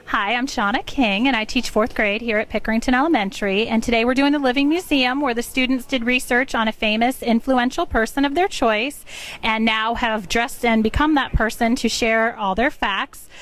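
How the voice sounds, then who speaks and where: A woman who teaches fourth grade, calmly describing a school event in a friendly, plain way. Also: on the high side, moderate pace. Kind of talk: interview statement. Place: elementary school.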